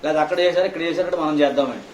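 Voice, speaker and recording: A male pastor preaching a sermon, scolding his listeners with rhetorical questions, swinging between loud outbursts and hushed low phrases. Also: rapid-fire, recorded from a distance. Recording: echoey hall, faint room noise.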